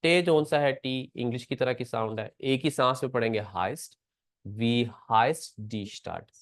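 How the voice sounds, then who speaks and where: A man's voice: mid-range voice, moderate pace, no echo, studio quality. A man teaching a classroom pronunciation lesson, patiently explaining and repeating words aloud. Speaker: language teacher.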